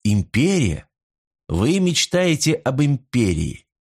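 A sharp, sceptical woman who probes every claim in a dry tone, as a male reader puts her on. Her voice is pitched clearly higher than his usual speech. She sounds shrewd and unimpressed. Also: big pitch swings, slow, exaggerated voice. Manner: dry, probing.

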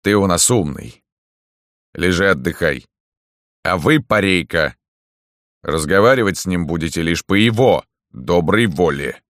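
A man reading a calm, confident boss figure with a measured, authoritative manner in an audiobook. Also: low voice, no echo, studio quality. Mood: commanding.

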